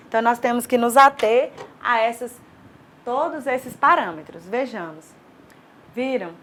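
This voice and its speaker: A woman's voice: a little high, a bit bright, slight background noise. A woman from Brazil teaching a recorded sign language lecture, explaining step by step and checking understanding with frequent questions to the students. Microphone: studio lecture recording.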